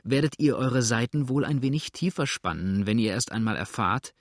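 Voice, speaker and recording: A man's voice: mid-range voice, expressive, normal speed, no echo, studio quality. A man doing a grumbling old frontier rider. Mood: sly. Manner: grumbling, curt. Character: gruff older male frontier rider, grumbling.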